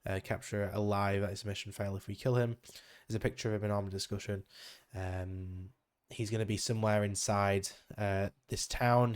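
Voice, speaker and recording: Laid-back low-voiced man leading a game squad. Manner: relaxed, chatty, lots of ums and uhs. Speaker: squad leader in a military sim game. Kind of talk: casual game voice chat, giving a mission brief.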